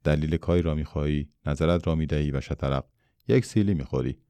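A curious, troubled little boy from a storybook, earnest and full of questions, as a man puts him on in a reading. The voice stays deep and mellow, with a smooth, resonant tone. It sounds dry and close. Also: dry recording. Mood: hurt.

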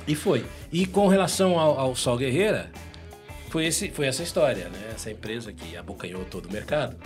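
Brazilian voice actor guy, lively up-and-down voice, soft guitar in back. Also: medium pitch, a little fast. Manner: animated storyteller, acts out quotes. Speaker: voice actor and dubbing director. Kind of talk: casual interview chat. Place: home recording in the United States.

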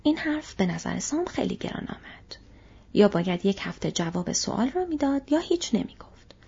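A woman narrating a fantasy audiobook in a soft, hushed storytelling manner. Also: medium pitch, sing-song. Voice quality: breathy. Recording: dull lo-fi audio.

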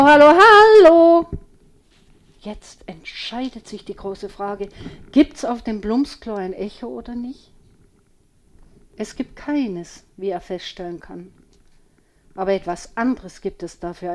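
A woman narrating a children's story in a slow, unhurried pace. Her reading is expressive, rising and falling with the tale. A mid-pitched voice for a storybook. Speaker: audiobook reader.

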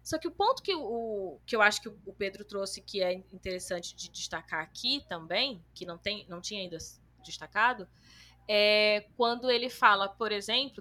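A woman hosting a podcast, reading listener comments aloud and chatting, running one thought into the next with hardly a pause. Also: a little high, expressive, pushed and bright. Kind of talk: casual chat.

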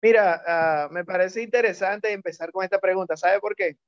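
A man's voice: sits high, fairly even intonation, moderate pace, dull audio. A man from the Dominican Republic with a Dominican accent, speaking as a missionary guest on a podcast with fervent religious phrasing. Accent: Dominican Spanish. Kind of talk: interview guest.

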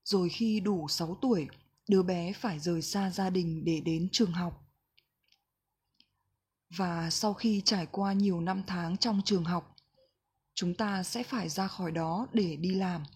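Breathy woman reading gently. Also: fairly low pitch, unhurried. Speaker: book reader. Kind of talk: calm reflective book reading.

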